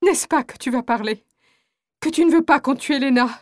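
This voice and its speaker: A woman's voice: high-pitched, a little fast, no room sound, clean studio sound, natural voice. A woman playing a frantic, sobbing mother. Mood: begging. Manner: pleading, screaming, sobbing. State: crying. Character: desperate mother, pleading for her children.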